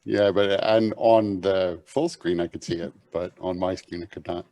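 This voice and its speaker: Low-voiced man playing a tabletop game. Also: steady tone, moderate pace, warm tone. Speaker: player. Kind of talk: casual tabletop play chat.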